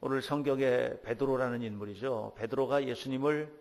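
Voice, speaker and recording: A middle-aged male pastor preaching in a church sanctuary, his voice gravelly with fry. He tells the story with animated delivery and acts out the voices he quotes. The sound carries a long reverb from the hall. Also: mid-range voice, a little fast. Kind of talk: sermon.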